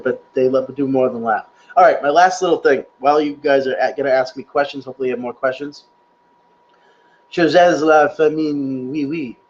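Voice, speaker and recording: A man's voice: mid-range voice, darkish tone, dull audio, slight background noise. A man presenting on a live stream, answering viewer questions in a chatty, rambling way and laughing at himself. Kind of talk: casual live Q&A. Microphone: webcam or laptop mic on a live stream.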